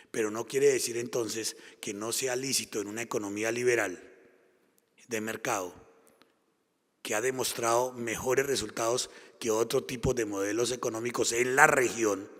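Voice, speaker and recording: A man from Colombia gives a public lecture at a conference, speaking with a Colombian Spanish accent in a medium-pitched, slightly bright voice. His style is emphatic, piling up repeated phrases to drive points home, and the conference hall leaves a long reverb on everything.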